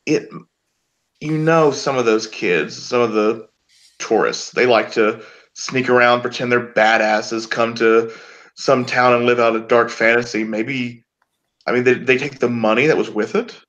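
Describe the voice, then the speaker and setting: A man's voice: mid-range voice, a little slow, a bit bright, natural voice. A man voicing a laid-back young man in a tabletop game, a loyal friend who talks casually and says dude a lot. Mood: easygoing. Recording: dull lo-fi audio.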